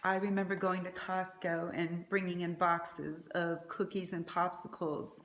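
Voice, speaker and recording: Woman, middle-aged, lowish voice, tender faltering eulogy, echoey room. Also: level tone, measured pace, a bit bright. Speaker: mother giving a eulogy. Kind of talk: prepared eulogy speech.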